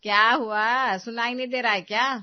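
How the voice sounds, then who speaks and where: A woman voicing a strict, bossy middle-aged mother-in-law who scolds in a loud, commanding voice. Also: fairly high pitch, animated, normal speed, no room sound, voice pushed up, natural voice. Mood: scolding. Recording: slightly dull, dry close recording.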